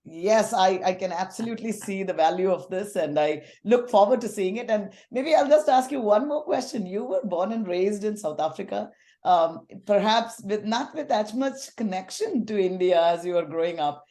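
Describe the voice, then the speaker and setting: A woman's voice: mid-range voice, normal speed, dark tone. A woman hosting an interview, gracious and appreciative toward her guest. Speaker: interview host.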